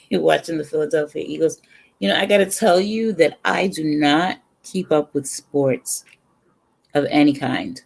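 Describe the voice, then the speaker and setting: Speaking in a deep, slightly slow and creaky voice, this middle-aged Bronx woman with a New York accent runs a livestream from her brick-walled room at home. She rambles casually to her viewers, pausing for sips of her drink.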